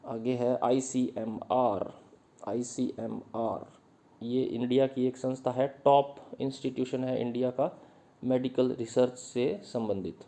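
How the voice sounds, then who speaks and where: A man gives an English vocabulary lesson in a relaxed, mellow voice at an ordinary pitch. He goes word by word and explains each one with simple meanings and everyday examples. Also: takes it slowly. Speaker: English teacher.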